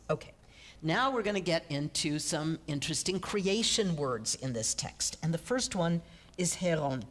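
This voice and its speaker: A woman rabbi giving a conversational teaching sermon in a church, joking with the congregation. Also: on the low side. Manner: lively, conversational, jokes with the congregation. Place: church sanctuary.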